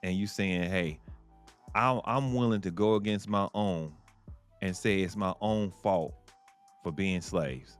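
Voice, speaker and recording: A man co-hosting a casual commentary show, talking in a measured, earnest, conversational way. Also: deep voice, smooth, faint music behind. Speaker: co-host.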